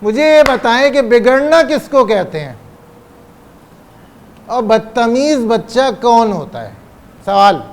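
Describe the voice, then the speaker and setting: A man delivers a religious lecture. He poses rhetorical questions and slows down on the phrases he wants to stress. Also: very high voice, animated, slight background noise. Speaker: cleric giving a religious lecture. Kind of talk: Urdu religious lecture on parenting.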